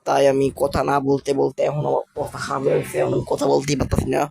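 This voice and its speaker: Gravelly, flat-voiced stammering young gamer. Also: male voice, medium pitch. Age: school student. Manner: halting, stammering, speaking slowly on purpose. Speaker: gaming channel host. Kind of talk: casual Minecraft gameplay commentary.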